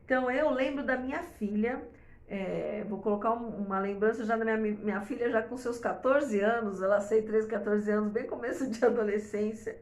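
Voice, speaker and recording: A middle-aged woman talks through parenting advice in a loose, rambling way, dotted with fillers and little check-in questions. Her voice sits on the higher side and jumps up higher still when she stresses a point. The sound is roomy, with a clear echo off the walls. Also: normal speed, a little mellow. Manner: chatty and rambling, with many fillers and tag questions. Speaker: mother giving parenting advice. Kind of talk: casual advice talk to camera.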